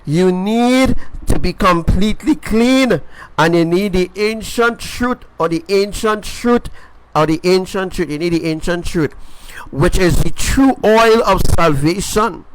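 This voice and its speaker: A man's voice: high voice, a little slow, a little hiss or hum, low-quality recording. A man preaching an informal sermon, emphatic and repetitive, often checking in with his listeners. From Caribbean.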